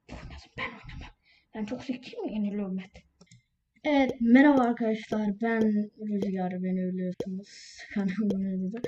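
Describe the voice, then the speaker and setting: A woman's voice: a little high, dark tone, husky. A woman hosting her own gaming channel, giving casual commentary while grumbling and ranting at the game. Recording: lo-fi with background noise.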